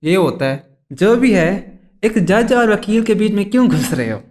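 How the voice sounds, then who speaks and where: A boastful, bumbling lawyer played by a man, pleased with himself and tripping over his English. His voice sits a little high for a man, and he drags out his English phrases slowly. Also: sing-song, darkish tone. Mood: defensive. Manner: slow, stumbling, self-satisfied English phrases. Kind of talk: comedy sketch.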